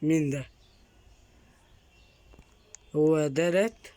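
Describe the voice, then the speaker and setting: A man with an Egyptian accent, hosting a gaming channel and narrating a horror game, jumpy and quick to yelp and repeat words when startled. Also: a little high, dark tone. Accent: Egyptian Arabic.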